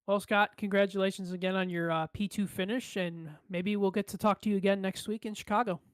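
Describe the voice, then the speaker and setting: A man interviewing a driver after a race, asking steady, formulaic questions. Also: high voice, brisk, clear, resonant tone, dry recording. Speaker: pit reporter.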